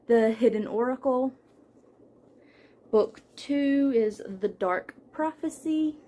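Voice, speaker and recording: A woman's voice: a little high, mellow. A young adult woman chatting casually as a book vlogger at home, listing titles from her shelves with fillers and small laughs. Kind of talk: casual book haul chat. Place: home room with bookshelves.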